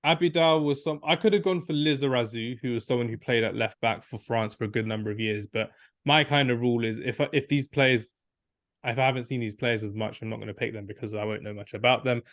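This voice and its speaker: A man's voice: mid-range voice, quick pace, a bit bright, dry recording, studio quality. A young man co-hosting a football podcast, rambling enthusiastically and acting out quotes. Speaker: podcast co-host. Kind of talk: casual football debate.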